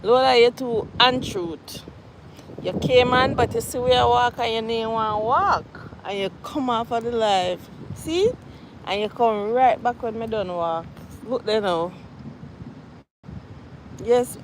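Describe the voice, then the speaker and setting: A woman with a Jamaican accent chats casually on a live stream, winded from a walk. She talks slowly, with sighs between phrases. Clear outdoor noise and traffic sit behind her voice. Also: a little high. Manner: winded from walking, sighing. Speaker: livestream host. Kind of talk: casual live chat with viewers. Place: outdoors on a campus. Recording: noisy outdoor ambience with traffic.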